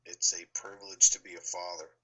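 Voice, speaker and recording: Male sports co-host, opinionated and rambling, lowish raspy voice with real bite. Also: level tone, fairly quick, bright, forceful tone, low-quality recording. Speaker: sports talk show co-host. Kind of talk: casual sports chat.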